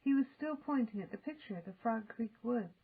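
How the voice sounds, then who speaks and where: An older woman reading a children's story aloud in an expressive, deliberate storytelling manner. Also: a little high, vocal fry, husky, narrow, tinny audio. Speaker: storybook reader. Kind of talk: expressive children's audiobook narration.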